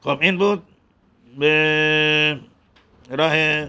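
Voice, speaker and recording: A man teaching the correct pronunciation of a Hebrew prayer, talking haltingly and repeating words to model each sound. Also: fairly high pitch, steady tone, bright, forceful tone, clear, resonant tone. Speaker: religious teacher.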